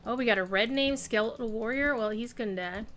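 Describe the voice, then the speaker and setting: A woman's voice: on the high side, a little fast, fairly bright tone. A woman giving casual gameplay commentary, chatty and playful, thinking aloud as she goes. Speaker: gamer, streamer.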